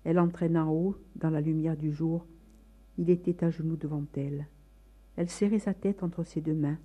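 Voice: medium pitch, steady tone, moderate pace, lo-fi sound. A storyteller reading a story aloud in a dramatic, emotive way. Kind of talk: expressive read-aloud narration.

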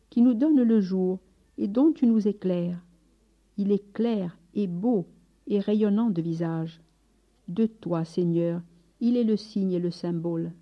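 A woman voicing a sick, humble male friar who prays devoutly and recites solemn praise. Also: mid-range voice. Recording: slightly dull recording with soft music.

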